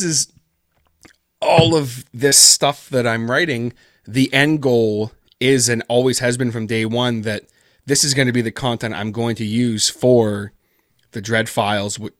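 In clean studio sound with no room sound, a man with a fairly bright mid-range voice chats casually as a podcast guest. He writes horror stories and is based in Canada, and his rambling talk is packed with fillers like "like" and "kinda".

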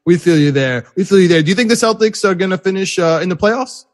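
A man's voice: sits high, expressive, fast talker. A man from Massachusetts co-hosting a casual sports chat, teasing and laughing often.

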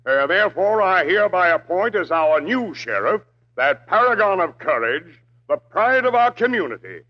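An actor playing a pompous, shady frontier mayor with an oily, hemming, orotund delivery in a radio western. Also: male voice, sits high, very animated, normal speed, heavily acted. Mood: pompous oratory. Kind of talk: old-time radio western acting. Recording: dull lo-fi vintage radio recording.

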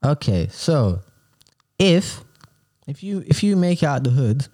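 A man's voice: on the high side, sing-song, measured pace, warm tone, dry recording, studio quality. A young man with a London urban roadman accent, hosting a casual chat full of street slang and tag questions. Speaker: podcast host.

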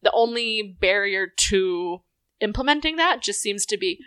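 Bright-voiced young woman chatting casually. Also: mid-range voice, normal speed, clear, resonant tone, no room sound. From Indonesia. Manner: animated, fillers of "like", swears casually. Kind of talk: casual podcast chat.

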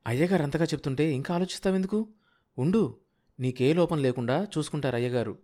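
A man's voice: a little high, fast, mellow, natural voice. A man voicing a young wife who is tearful and pleading, in a raised sing-song voice. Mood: coaxing.

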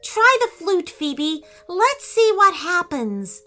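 A bold, eager little girl, voiced by a woman, pitched high and bright with lively, swooping urgency. She speaks slowly and clearly, as in a storybook read aloud, with light music behind. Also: exaggerated voice. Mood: urging. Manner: urgent, encouraging.

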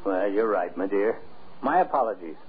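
An actor playing a doctor and sparring family friend in old radio comedy, with a courtly manner. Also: male voice, lowish voice, animated, normal speed, a loud crowd, close to an everyday voice. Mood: jovial, needling. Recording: noisy, tinny old radio recording.

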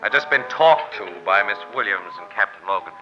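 An actor playing a tough, slangy crime photographer in a 1940s radio drama, brash and wisecracking. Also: male voice, lowish voice, animated, brisk, over music, close to an everyday voice. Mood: wry. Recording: dull lo-fi old radio broadcast.

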